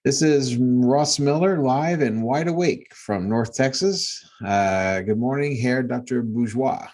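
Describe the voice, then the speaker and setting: A man's voice: medium pitch, slow, darkish tone. A middle-aged man hosting a casual podcast, ranting in a wry, dramatic way with dry humor. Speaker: podcast host.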